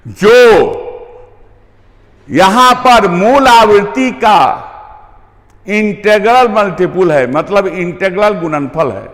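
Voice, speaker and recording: A man's voice: sits high, a bit bright, in a large hall. A man teaching a physics lecture, repeating key terms and asking the class whether they follow. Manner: repeats key terms, checks understanding with questions.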